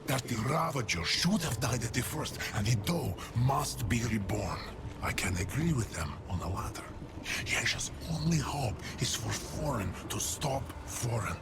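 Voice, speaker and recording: In this video game dialogue, a man voices a plague-corrupted ancient forest elder, his medium-pitched voice lively in intonation yet solemn and foreboding. The lore monologue is breathy, archaic and deliberate, weary and mournful, with long pauses that drop toward whispers. The recording is very noisy, with loud background music.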